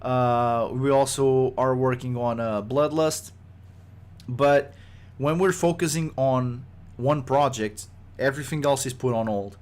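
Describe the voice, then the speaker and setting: A man from a game studio gives a casual podcast update in a mid-range, slightly mellow voice, keeping a steady tone and measured pace. He rambles with many fillers and restarts and sounds exasperated about rumors.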